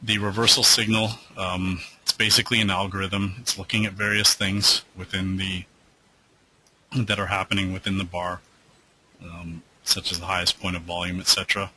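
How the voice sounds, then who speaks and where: A deep-voiced man with a sharp, forceful tone hosts a live trading webinar and answers viewer questions. He talks loosely, with plenty of fillers and restarts, and is losing his voice. A faint hiss sits under his computer mic. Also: level tone, normal speed, poor audio.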